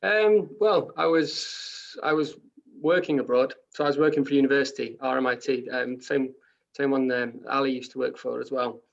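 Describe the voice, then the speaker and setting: A Welsh man in his thirties, a guest speaker chatting casually on a video call, relaxed with lots of ums, trailing off quietly. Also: mid-range voice, normal speed, gravelly. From Wales. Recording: dull lo-fi call audio.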